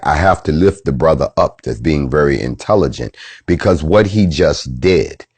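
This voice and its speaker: A man hosting a show, telling a profane story as a preachy, animated monologue. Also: a bass voice, slightly rough, no room sound. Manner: animated, preachy, swears freely. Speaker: host.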